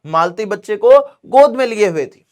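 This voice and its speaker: A man's voice: sits high, animated, moderate pace, darkish tone. A man teaching a Hindi literature chapter, reading lines aloud and explaining them in a chatty, repetitive way, acting out dialogue. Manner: conversational, repeats lines, calls students beta; acts out quoted dialogue with a raised voice.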